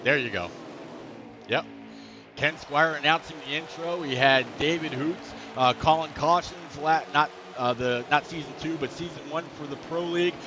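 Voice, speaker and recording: A man's voice: a little high, moderate pace, background noise. A man commentating a sim racing league, chatty and digressive with many fillers. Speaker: race commentator.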